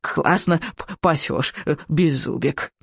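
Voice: mid-range voice, a little slow, vocal fry, slightly rough, dry recording. A reader voicing a tiny mischievous male baby dragon who stutters on almost every word. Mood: triumphant. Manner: stutters on syllables.

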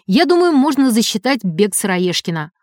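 A woman voicing a stern, fatherly male race judge who speaks in a firm, measured way. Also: fairly high pitch, big pitch swings, darkish tone, no echo, studio quality.

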